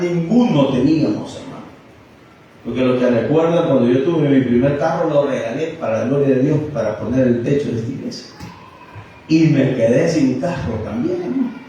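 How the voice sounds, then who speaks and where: A man's voice: on the high side, warm tone, far from the mic, a little hiss or hum. Man preaching in an echoey church. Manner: conversational preaching, rhetorical questions, anecdotes. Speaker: pastor. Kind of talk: sermon. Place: church hall.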